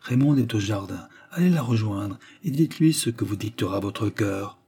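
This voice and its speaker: A man's voice: on the low side, animated, dark tone, husky. A man voicing a scheming, persuasive older society lady who coaxes a shy suitor. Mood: coaxing. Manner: coaxing, insinuating, brisk.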